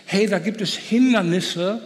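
Guy preaching a sermon, kinda high voice, speech a bit slurred like his jaw is wired, big echoey hall. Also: a little slow. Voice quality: impeded, slightly slurred articulation from a brace in the mouth after jaw surgery. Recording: long hall reverb.

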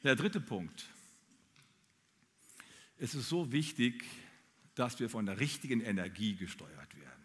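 A man preaching a sermon, talking straight to his listeners in an animated way. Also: mid-range voice, measured pace, long pauses, long reverb tail. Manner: animated, addresses listeners directly. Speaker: pastor.

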